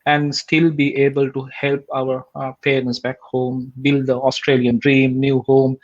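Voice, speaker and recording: A man in his forties from Sri Lanka talks through a casual online interview. He is steady and earnest, with frequent ums and restarts. His voice comes over a slightly dull, lo-fi call line at a middle pitch. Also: unhurried. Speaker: guest.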